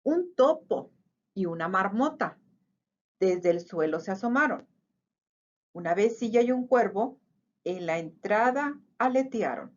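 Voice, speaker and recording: A woman reading a children's picture book aloud in an expressive, sing-song way. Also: mid-range voice, unhurried, long pauses, dull audio. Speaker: storyteller.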